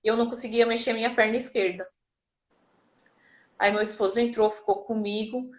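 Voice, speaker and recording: A woman's voice: a little high, fairly even intonation, brisk. Brazilian woman vividly recounting a birth. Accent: Brazilian Portuguese. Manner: vivid, acts out quoted people. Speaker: guest telling her birth story. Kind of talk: casual storytelling.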